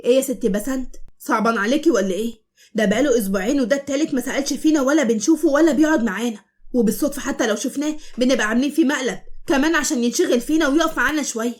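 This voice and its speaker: A woman's voice: sits high, very fast, natural voice. A woman voicing a bold, mischievous teenage girl in an Egyptian cartoon story. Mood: defiant. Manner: defiant.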